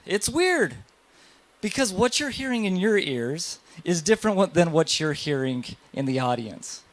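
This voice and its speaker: A dentist in his thirties gives a lively live lecture to fellow dentists in a hall, telling stories and addressing the audience directly with questions. His voice is on the high side, at a normal speed.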